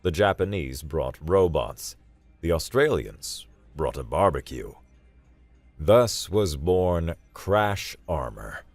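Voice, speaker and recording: A man's voice: deep voice, a little mellow, no echo. A man narrating a sci-fi audiobook story in a dry, wry storytelling manner.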